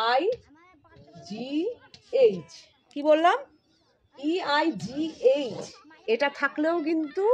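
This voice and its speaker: A woman's voice: high voice, lo-fi sound. A woman teaching English pronunciation, explaining informally and spelling out letters to her students. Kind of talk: spoken English lesson.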